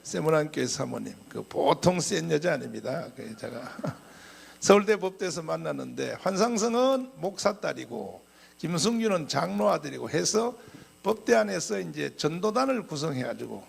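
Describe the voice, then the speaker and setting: A male pastor tells a story from the pulpit in an animated sermon. His voice is rough and husky and sits fairly high for a man. He keeps clearing his throat as he talks. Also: moderate pace.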